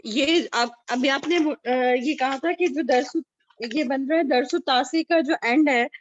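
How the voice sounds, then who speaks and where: A woman's voice: sits high, no room sound. A woman student on an online class asking about the exam, repeating herself until the teacher hears. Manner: repeats her question until heard. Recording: muffled call audio.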